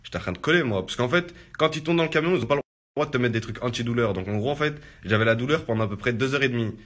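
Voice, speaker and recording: Racing along in an animated, medium-pitched voice, a young man gives a casual spoken account of something he went through, using street slang and saying "en gros" again and again.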